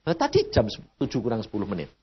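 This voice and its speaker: A man's voice: fairly low pitch, wildly swooping pitch, racing, husky. An older Indonesian-born man preaching a sermon, telling a family story and acting out the voices in it. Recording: dull lo-fi sermon recording.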